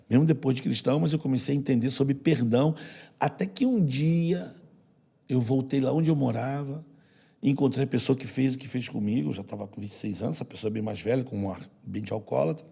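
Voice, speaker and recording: A man from Brazil, a podcast guest, telling personal stories in an earnest, heartfelt way and sometimes dropping to a soft hush. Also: medium pitch. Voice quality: gravelly and very husky. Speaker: podcast guest, social project leader. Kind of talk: personal storytelling in conversation.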